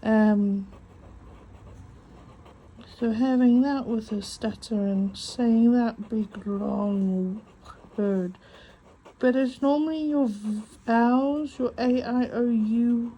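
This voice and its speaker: A woman with a stutter draws tangle art and chats to the camera in a casual, reflective way, partly talking to herself. Her fairly high voice is mellow and slightly rough, and the phone recording has poor audio.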